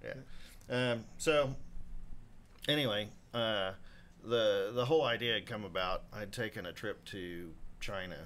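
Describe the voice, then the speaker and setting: Speaking low and unhurried, this fifties-aged chef rambles through his story as a podcast guest, cutting himself off and vividly acting out others' words. It's relaxed interview storytelling recorded in a live podcast room.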